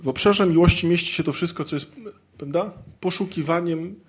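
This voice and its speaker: With a fairly high, slightly rough voice at a moderate pace, a man addresses men about marriage in a chatty, comic talk. He acts out ordinary scenes and peppers his speech with tag questions.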